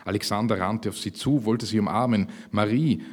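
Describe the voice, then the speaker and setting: A man reading his own fiction aloud at a literary event, measured and slowing for emphasis. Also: lowish voice, steady tone. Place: public reading at a literary festival.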